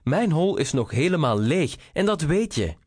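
A man voicing Eduard, a carefree young male squirrel, in an excited, breathless storybook voice. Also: a little high, normal speed, slightly rough, no room sound, clean studio sound, voice pushed up. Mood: eager.

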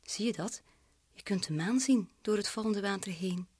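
A woman's voice: mid-range voice, normal speed, a little mellow, slightly rough, natural voice. A woman reading aloud and voicing a bold, reckless young female bat in a storybook. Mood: excited.

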